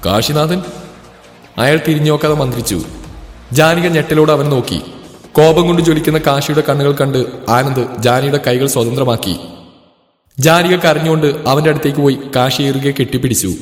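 Man, story narrator, expressive reading, echoey room, soft music. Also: a little high, a little fast.

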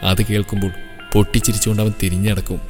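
A man's voice: fairly low pitch, little pitch movement, very fast, close to an everyday voice. A man voicing a grieving, choked-up mother. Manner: sorrowful, choked. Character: grieving middle-aged mother. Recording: reverberant audio with soft music.

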